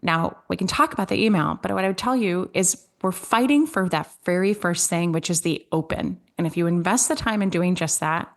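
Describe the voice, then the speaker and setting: Middle-aged swiss-born woman hosting a sales podcast, upbeat and punchy, jumps up on key words. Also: fairly low pitch. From Switzerland. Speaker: podcast host. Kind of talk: podcast host recap and listener Q&A.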